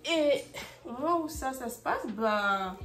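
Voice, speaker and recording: While she tidies her bedroom, a woman chats in a casual vlog, using French as a second language and slipping into English phrases amid many fillers and restarts. Her voice is high, expressive and fairly bright, a little slow, heard in a roomy, distant recording with faint music.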